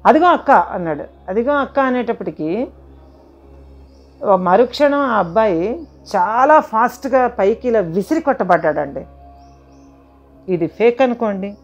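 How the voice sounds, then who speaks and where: A woman narrates a frightening experience of her own, speaking directly to her listeners in a dramatic, conversational way and slipping English phrases into her telling. Her voice sits at a middle pitch. The recording is muffled and lo-fi, with soft music underneath. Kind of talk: first-person spoken horror storytelling. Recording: dull lo-fi audio with faint music.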